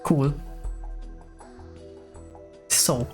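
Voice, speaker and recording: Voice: very slow, darkish tone, soft background music. A native Hungarian speaker doing casual, playful let's play commentary, reacting freely and swearing while switching between two languages. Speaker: gamer playing and commenting.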